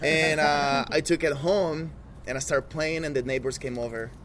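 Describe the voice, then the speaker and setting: A man from El Salvador, a drummer, telling chatty, animated anecdotes. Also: on the high side, moderate pace. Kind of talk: casual storytelling. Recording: outdoor with faint traffic noise.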